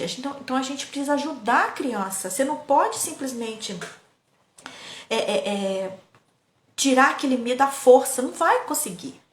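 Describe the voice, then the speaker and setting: A woman, a parenting educator telling childhood stories in a lively, casual way, often turning to her audience. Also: fairly high pitch. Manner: lively, keeps addressing the audience. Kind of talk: casual storytelling talk. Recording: echoey room.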